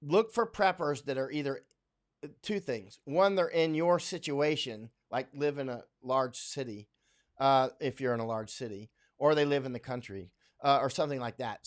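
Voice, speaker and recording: Rambling man with a higher voice. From Central Florida, USA. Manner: rambling, with many fillers and restarts. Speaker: host answering viewer comments. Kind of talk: casual livestream talk. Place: home in Thailand.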